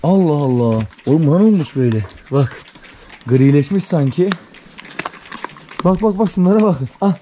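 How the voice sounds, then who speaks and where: A man doing casual vlog commentary, talking excitedly to puppies as he feeds them. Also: fairly high pitch, normal speed, long pauses, a little hiss or hum. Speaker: vlogger.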